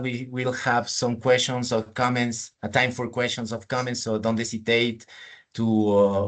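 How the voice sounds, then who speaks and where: Guy hosting a video call, really slow, halting with uhs, normal pitch. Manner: halting, repeats himself with uh. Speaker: meeting moderator.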